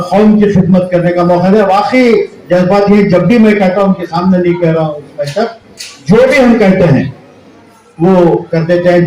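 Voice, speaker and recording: A man's voice: high-pitched, mellow, roomy sound, muffled recording, a little hiss or hum. A man giving an earnest public speech at a school function, urging parents to educate their children. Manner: earnest, exhorting, repetitive pleading. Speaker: school society speaker at prize distribution.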